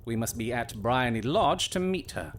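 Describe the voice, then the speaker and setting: An actor as an animated, commanding Sherlock Holmes. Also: male voice, medium pitch, slight background noise, natural voice. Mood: intent, commanding. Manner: theatrical, deliberate, formal diction. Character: Sherlock Holmes, shrewd, commanding Victorian gentleman detective. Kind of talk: period audio drama acting.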